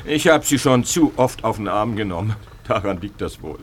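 Guy doing a cheeky old sea dog, gruff and jokey, bouncy voice. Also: on the low side, expressive, normal speed, a little hiss or hum, lightly acted. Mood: wry. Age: older. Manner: gruff, jokey, seaman's talk. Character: jovial old male sea captain, teasing.

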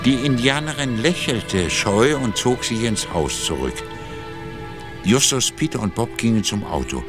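A man narrating a German radio drama in a measured, dramatic storytelling manner. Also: mid-range voice, animated. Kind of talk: scripted radio-play narration. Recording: narration over a music bed.

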